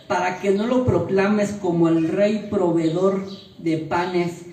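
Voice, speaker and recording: A pastor preaches with a mellow, dark tone, rising into loud, emphatic bursts and firing rhetorical questions at the congregation. The voice sounds distant, caught from across an echoey church hall with faint birdsong behind. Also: mid-range voice, slight background noise. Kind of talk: sermon.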